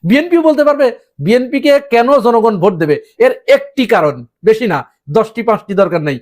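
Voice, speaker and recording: A man's voice: very high-pitched, animated, brisk, a little mellow. A man delivering an emphatic opinion monologue on current events, asking the audience rhetorical questions. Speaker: political commentator.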